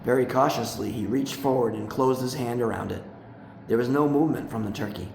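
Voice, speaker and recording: Gravelly man reading a short story. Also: medium pitch, darkish tone, slight background noise. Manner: measured, deliberate storytelling. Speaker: audiobook reader. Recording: echoey room with faint ambience.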